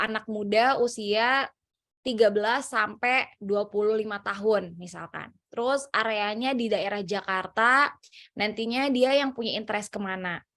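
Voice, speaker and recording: A woman's voice: medium pitch, fairly bright tone. A young woman from Indonesia giving an online class on digital marketing, in a casual, chatty way with many fillers and English terms mixed in. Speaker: webinar speaker.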